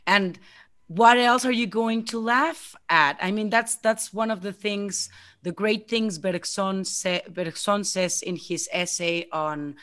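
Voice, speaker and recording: A woman who is a non-native English speaker, talking through ideas in careful English, pausing to find and restate words in an intellectual discussion. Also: medium pitch, fairly bright tone. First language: not English. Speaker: discussion participant. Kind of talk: intellectual conversation.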